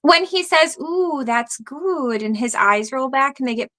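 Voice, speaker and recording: A woman's voice: high voice, animated, a little slow, pushed and bright. A woman co-hosting a live-stream podcast, giving short agreeing replies and laughing easily. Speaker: podcast co-host. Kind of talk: casual live-stream chat.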